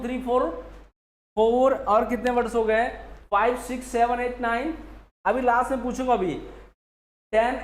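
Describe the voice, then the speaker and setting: A male teacher giving an online exam-prep vocabulary lesson, drilling students with repeated rhetorical questions. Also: extremely high pitch. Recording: echoey room, faint background hiss.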